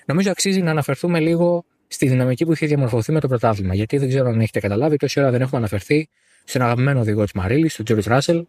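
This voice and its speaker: Teasing podcast host, dry room. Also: male voice, mid-range voice, no echo. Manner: teasing, sarcastic, animated. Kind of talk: casual chat about motor racing.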